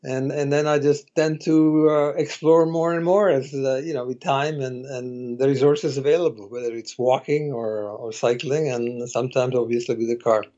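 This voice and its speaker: A man in his sixties from Slovakia, a guest on an interview podcast, telling his story in a reflective, unhurried way. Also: medium pitch, steady tone, warm tone, highs cut off. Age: 60s. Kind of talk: casual interview conversation.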